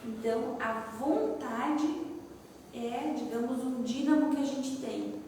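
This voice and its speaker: Woman in her 40s chatting in a group, slightly high voice, sounds far off in a big echoey room. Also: slow pace, warm tone. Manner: conversational, tags statements with "né". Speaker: course participant. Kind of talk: group discussion. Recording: echoey room, distant from mic, noise.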